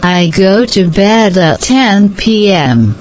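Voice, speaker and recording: Slow, measured woman answering drills. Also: medium pitch, lively intonation, a little hiss or hum, low-quality recording. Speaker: practice dialogue speaker. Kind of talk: scripted language-drill answers.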